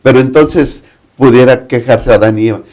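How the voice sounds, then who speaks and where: Un hombre mexicano que explica un texto bíblico en un panel, con preguntas retóricas. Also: male voice, medium pitch, normal speed, a little mellow. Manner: explanatory, asks rhetorical questions. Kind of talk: Bible study panel discussion.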